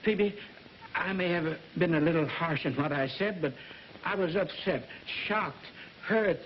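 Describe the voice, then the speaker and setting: An actor playing a flustered middle-aged record company boss who blusters and coaxes, in a 1940s film. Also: male voice, on the high side, unhurried, a little hiss or hum, close to an everyday voice. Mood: coaxing. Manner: blustering, then coaxing. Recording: dull 1940s film soundtrack.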